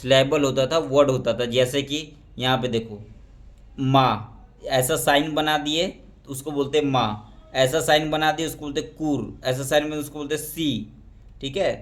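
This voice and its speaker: A man gives an exam prep history lecture at an ordinary mid pitch, moving through it step by step. He asks a question, answers it himself and checks in with "ठीक है" between points. He reads English textbook lines slowly and points at pictures as he explains. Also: fairly even intonation. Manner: explains step by step, asking and answering his own questions, often adding "ठीक है". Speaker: teacher.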